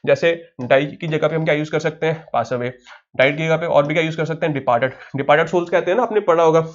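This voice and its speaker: A man with an Indian accent teaches vocabulary for exam prep. His voice sits high, and he keeps asking himself questions and then answering them. The recording sounds dull and lo-fi. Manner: spells words slowly letter by letter. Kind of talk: online exam-prep lesson.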